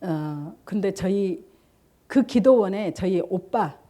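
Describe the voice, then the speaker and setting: A woman's voice: medium pitch, lively intonation, slow pace, warm tone. A middle-aged woman telling a personal faith story at a church service, storytelling and acting out the voices in it with feeling. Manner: storytelling, acts out quoted voices, emotional. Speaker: church member giving testimony. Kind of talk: testimony in a worship service.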